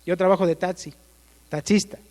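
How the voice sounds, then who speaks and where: High-voiced Mexican man preaching in an echoing hall. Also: fairly even intonation, moderate pace, a little mellow. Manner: asks the congregation questions and calls for amens. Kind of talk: sermon.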